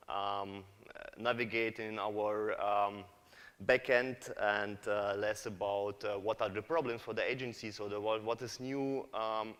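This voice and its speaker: A man's voice: fairly low pitch, fairly bright tone, clean tone. Man giving a hesitant conference talk. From Kazakhstan. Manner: hesitant, many fillers and restarts. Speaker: conference speaker, developer. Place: large conference hall. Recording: reverberant hall.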